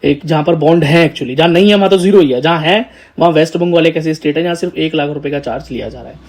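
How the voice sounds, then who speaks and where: Brief: male host-educator, chatty and informal, slightly high voice. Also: fast, a little mellow. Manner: chatty, addresses viewers as brother and child. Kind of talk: casual explanatory talk to students.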